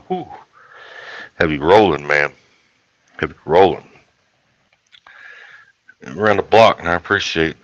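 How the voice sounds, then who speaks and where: A man's voice: low-pitched, fairly bright tone, no echo, lo-fi sound. A man with a South Texas accent chatting casually on a livestream in a folksy, rambling way. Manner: folksy, rambling, colloquial drawl. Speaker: YouTube host.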